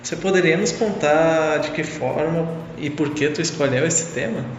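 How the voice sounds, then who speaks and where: A man's voice: fairly high pitch, moderate pace, a little hiss or hum. Young male podcast host, echoey sound. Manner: hesitant questions with fillers. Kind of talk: casual podcast hosting. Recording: echoey long-reverb lo-fi room with faint music.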